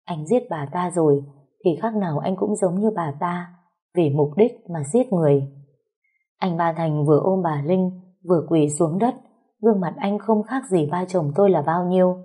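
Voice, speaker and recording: A woman narrates a first-person drama with an emotional, dramatic reading. Her voice is husky and dark, sitting a little low. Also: normal speed.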